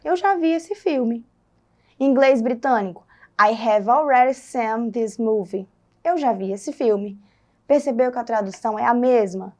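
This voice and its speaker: A woman's voice: a little high, a little slow, darkish tone. A Brazilian woman teacher with a Brazilian Portuguese accent, explaining a recorded lesson step by step and asking the class questions.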